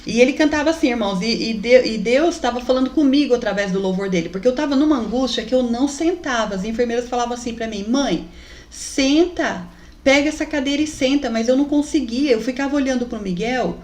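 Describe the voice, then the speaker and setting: A woman speaks fervently as a mother giving an emotional testimony of faith, calling her listeners brothers. Her voice is fairly high, quick and darkish, captured in a roomy, echoey recording.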